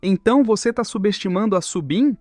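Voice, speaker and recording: A man's voice: high voice, a little fast, darkish tone, no echo, faint music behind, natural voice. A man playing a cocky young male fighter who teases and taunts. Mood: mocking. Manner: teasing, taunting.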